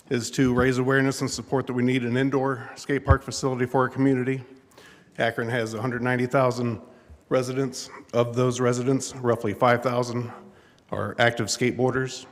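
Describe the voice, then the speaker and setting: A man making a measured, earnest public comment at a council podium, with occasional hesitations. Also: mid-range voice. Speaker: public commenter, nonprofit founder. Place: city council chamber. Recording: echoey hall with long reverb.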